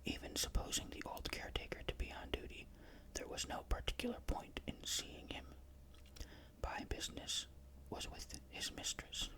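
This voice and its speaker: A narrator reading a ghost story in a breathy, unvoiced whisper, with measured, careful literary phrasing. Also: pushed and bright, low-quality recording.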